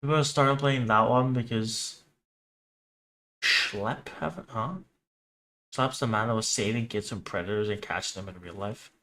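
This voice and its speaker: In an unhurried, bright and forceful voice pitched fairly low, a male streamer reacts to horror videos. He jokes bluntly with chat, curses now and then, and reads on-screen text aloud.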